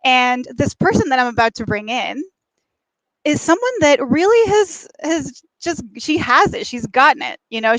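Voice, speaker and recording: A woman's voice: fairly high pitch, dry recording, poor audio. A woman from Mexico who works as a life coach, hosting a conversational livestream. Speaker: host, life and career coach. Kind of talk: conversational livestream monologue and interview. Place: at a beach.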